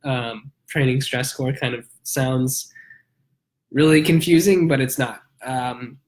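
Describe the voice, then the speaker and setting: A man's voice: medium pitch, steady tone, takes it slowly. A man with a head cold speaks in a congested, nasal voice. He keeps a casual, chatty vlog tone, leaning on frequent "um" fillers while talking to his viewers. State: coughing. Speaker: triathlete vlogger; answers viewers' questions.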